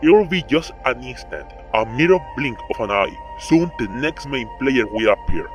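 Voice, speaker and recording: Deep pitch-shifted Lucifer, voiced by a narrator. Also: expressive, faint music behind. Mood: musing. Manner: slow, musing, philosophical delivery. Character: calm, mocking male fallen angel lord. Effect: voice changer pitched deep. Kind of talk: quoting game dialogue.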